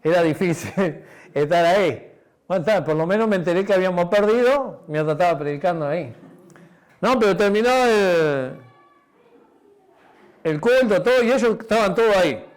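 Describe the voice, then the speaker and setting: A man's voice: sits high, expressive, moderate pace, long pauses. A man preaching a sermon as pastor, with a Uruguayan Spanish accent, telling a personal story with acted-out dialogue and frequent tag questions. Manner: drops to a quiet, intimate tone near the end.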